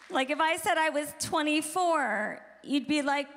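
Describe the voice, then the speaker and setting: High-voiced woman comedian in a reverberant hall. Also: background noise. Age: 40s. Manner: chatty and self-deprecating, laughing at her own jokes. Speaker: stand-up comedian. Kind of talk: stand-up comedy set. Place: women's conference hall. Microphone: handheld microphone.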